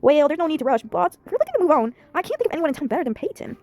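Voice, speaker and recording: A woman's voice: high-pitched, big pitch swings, rapid-fire, darkish tone, voice pushed up. A woman voicing a friendly, chatty small-town woman in a story game, reading her lines upbeat and confiding.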